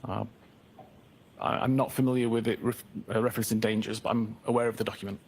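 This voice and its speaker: A man testifying as an expert witness in a courtroom recording, giving measured, technical answers with frequent hesitations. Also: fairly low pitch, steady tone, a little mellow.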